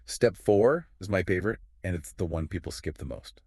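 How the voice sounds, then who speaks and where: A man's voice: sits low, brisk, a little mellow, no echo, studio quality. A man co-hosting an explanatory podcast, confidently walking through ideas step by step. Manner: confident, explains in clear steps. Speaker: podcast co-host.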